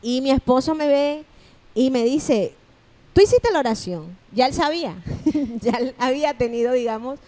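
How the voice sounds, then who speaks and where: Animated woman pastor telling testimony. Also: high voice, normal speed. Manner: animated storytelling, acting out remembered dialogue. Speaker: pastor, podcast guest. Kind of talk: personal testimony in a podcast conversation.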